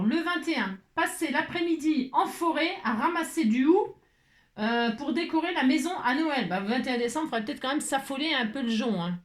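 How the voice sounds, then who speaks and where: A woman's voice: medium pitch, echoey room. A French woman chatting in a rambling way, talking to herself as she leads a crafting tutorial at home. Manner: rambling, talks to herself, many "hein"s. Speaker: crafting vlogger.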